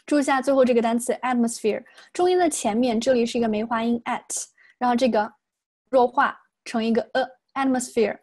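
A woman teaching English pronunciation for an exam, patiently repeating words slowly to drill them. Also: a little high, a little mellow. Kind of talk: exam prep lesson, explaining in Chinese.

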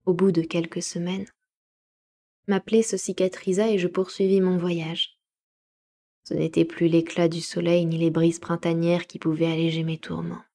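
A woman narrating a classic novel as a home-made live audiobook, measured and expressive. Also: on the low side. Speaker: audiobook reader.

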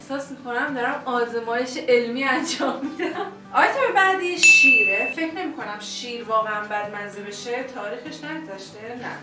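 A woman vlogger chatting playfully to her viewers while cooking at home, often giggling. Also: fairly high pitch. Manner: playful, giggly, talks to camera audience. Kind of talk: casual vlog chat to viewers. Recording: roomy, distant mic, background music.

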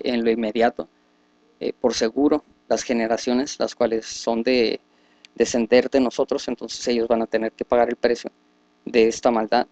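A man's voice: medium pitch, darkish tone, no room sound. A man leading a Bible study, reading scripture aloud and then explaining it at length with many fillers and restarts. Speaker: religious teacher.

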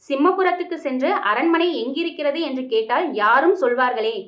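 A woman voicing a proud, defiant young princess held captive, asking sharp, scornful questions. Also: sits high, brisk.

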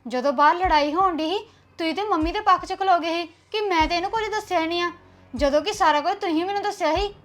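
A young actress playing a headstrong new bride who speaks bluntly and defiantly. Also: female voice, very high-pitched, fast talker, fairly bright tone. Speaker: actor. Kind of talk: web series drama acting.

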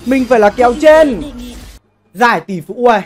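A very high, lively voice belongs to this young adult livestreamer, who speaks at a moderate pace over faint music. Sitting at his indoor streaming setup, he chats casually about the game, cursing, using slang and repeating phrases often.

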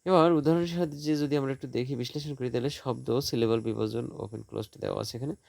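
A male teacher giving a school lesson, sounding out example words slowly, with a Bangladeshi Bengali accent. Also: medium pitch, fairly even intonation, vocal fry, a little mellow, dry recording. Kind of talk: classroom lesson for school students.

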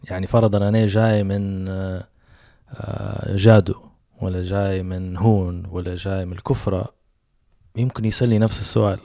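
Working from a small home room with soft lighting, a Libyan Arabic-accented man in his thirties chats casually as a podcast host, relaxed and storytelling, with quick asides. He speaks close to a handheld mic while wearing headphones, and his low, mellow voice sits in a dry, dead space with no room sound.

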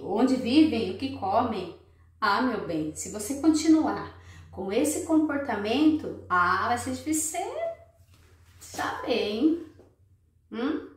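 A woman's voice: on the high side, a little mellow, far from the mic. A Brazilian woman vlogger giving relationship advice to her viewers in an emphatic, scolding way. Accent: Brazilian Portuguese. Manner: emphatic, scolding, keeps addressing listeners as girls. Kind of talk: casual advice monologue to viewers. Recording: very echoey room, away from mic.

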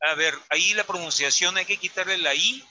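A man's voice: high-pitched, a little fast, pushed and bright, slight background noise, poor audio. A man teaching a Mandarin lesson, patiently correcting a student's tones step by step. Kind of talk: online language lesson.

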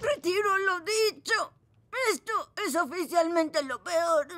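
A woman's voice: extremely high pitch, lively intonation, takes it slowly, very noisy, heavily acted. A woman voicing a grumpy, boastful little old granny in a cartoon dub. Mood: complaining. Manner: crotchety, boastful old-timer. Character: grumpy tough little old granny telling tall tales. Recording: loud music behind the voice.

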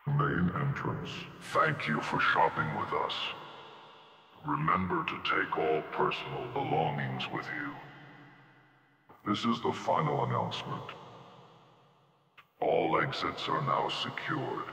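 Man, mall loudspeaker announcement, formal repetitive delivery, booming echo. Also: animated, takes it slowly, long pauses. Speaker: store closing announcer. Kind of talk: public address announcements. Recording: echoey PA with loud music.

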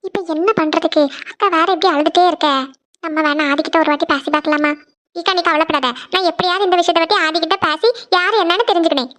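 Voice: very high voice, fairly even intonation, a bit bright. A performer voicing a caring younger sister in a cartoon series, coaxing and reassuring her crying elder sister. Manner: coaxing, reassuring, rapid questions. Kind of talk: Tamil cartoon series dialogue.

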